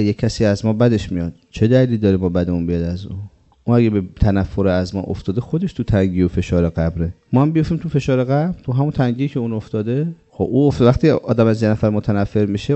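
A man's voice: fairly low pitch, creaky, mellow, highs cut off. A man preaching a religious sermon, emphatic and rhetorical, acting out quoted speech.

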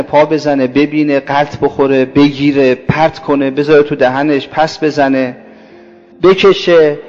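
A man's voice: a little high, darkish tone. Man preaching in a reverberant hall. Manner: explains with rhetorical questions and long spoken lists. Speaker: religious speaker. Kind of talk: sermon. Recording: dull lo-fi sound with long reverb and faint music.

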